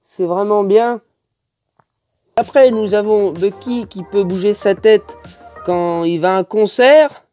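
A man's voice: sits high, slow, over music. A man with a French accent casually reviewing a toy set, hesitant with many fillers and lots of detail.

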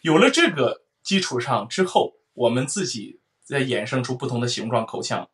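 A male voice teacher gives a singing lesson with a bright, forceful tone. He explains how resonance works and keeps singing loud vowel sounds to show it. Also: mid-range voice, sing-song, normal speed. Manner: explains then sings vowels, loud sung demonstrations.

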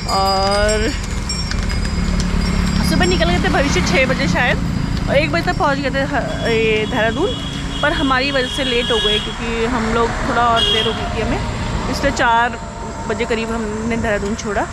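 A woman's voice: a little high, a little slow. A woman in her thirties chatting to viewers on a road trip vlog, filmed on a phone at arm's length by the roadside and in a car. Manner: chatty, addresses viewers directly. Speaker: travel vlogger. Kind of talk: casual travel vlog talk. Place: roadside outdoors and inside a car. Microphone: phone camera at arm's length. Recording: loud road and traffic noise.

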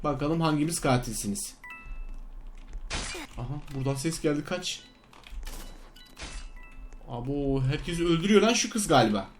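A high-voiced man commentating his own gameplay in a loose, excitable way. He jumps from loud yelps of outrage to low, sneaky muttering. Faint game music plays behind him. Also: moderate pace, pauses often. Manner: excitable, swings between loud outbursts and sly muttering. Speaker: gaming YouTuber. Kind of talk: casual Let's Play commentary.

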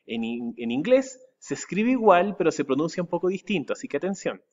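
A Chilean man with a Chilean Spanish accent teaches English vocabulary to pupils in a recorded lesson, spelling each word letter by letter and repeating it slowly with rising stress. His voice is a little high and very animated, and the highs are cut off in the audio.

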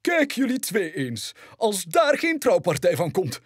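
A man's voice: high-pitched, huge pitch swings, unhurried, breathy edge, dry recording, studio quality, pitched above the performer's own voice, full character voice. A man with a Flemish accent voicing a fussy, prim male bird advisor in a storybook reading.

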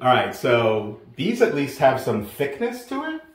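A man hosting a casual snack review at home, playful and quick to laugh. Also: medium pitch. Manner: playful, animated, laughs often. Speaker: host of a snack review show. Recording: roomy echo.

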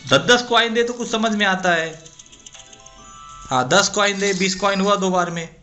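A man's voice: high-pitched, fairly even intonation, moderate pace, sharp tone, soft background music. A young man, commentating his own crate opening in a mobile game, frustrated and swearing and pleading with the game. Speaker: gaming YouTuber.

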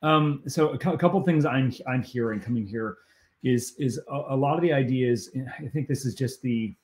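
A man's voice: medium pitch, normal speed, a little mellow. A man hosting a coaching podcast, talking enthusiastically in casual conversation and often stumbling over repeated words.

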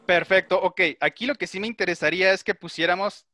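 Bright-voiced male teacher, methodical. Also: high-pitched, fast, no room sound. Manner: methodical, explains step by step and checks understanding. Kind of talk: online class lecture with questions to students.

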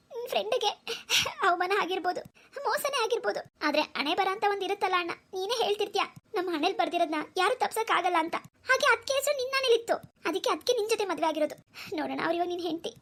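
A woman's voice: very high-pitched, a bit bright, heavily acted. A woman voicing a young woman in a cartoon, an emotional younger sister pleading through tears. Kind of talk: cartoon voice acting.

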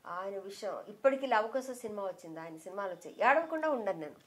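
A middle-aged woman as an interview guest, telling a personal memory with heartfelt emotion and softening her voice when she quotes others. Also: medium pitch, animated, quick pace. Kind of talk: reminiscing in an interview.

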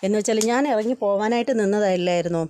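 A woman voicing a blunt, sarcastic young husband with sharp, mocking retorts in a retold family serial. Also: mid-range voice, fast talker, natural voice.

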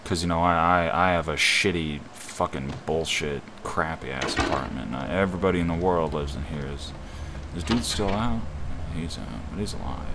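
A man's voice: a bass voice, normal speed. A man giving casual, rambling game commentary, swearing freely and running himself down. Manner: profane, self-deprecating. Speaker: gamer doing a playthrough. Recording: noisy background hum.

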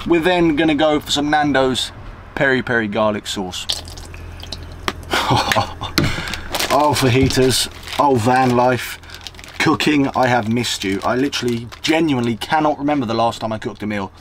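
A man's voice: medium pitch, normal speed, background noise. A young man, chatting casually as a vlogger while cooking in his camper van. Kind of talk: casual vlog chat.

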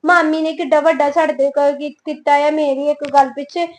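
A woman's voice: high-pitched, little pitch movement, normal speed, darkish tone, lightly acted. A woman playing a remorseful young daughter in an amateur family skit, apologizing and pleading.

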